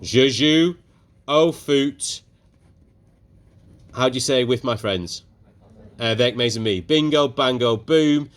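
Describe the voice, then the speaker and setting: A man teaching a French speaking lesson to his class, brisk and encouraging, putting questions to the pupils. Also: mid-range voice. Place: school classroom.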